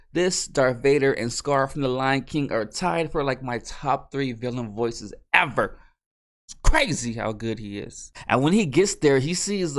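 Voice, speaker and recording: A young man hosting a casual show review, rambling and excitable, full of slang and self-corrections. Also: mid-range voice.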